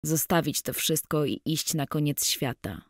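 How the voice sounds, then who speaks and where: Young girl at the end of her rope, read by a woman, quiet, weary, slow. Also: deep voice, dry recording, studio quality. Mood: despairing. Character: naive young woman, defiant and desperate.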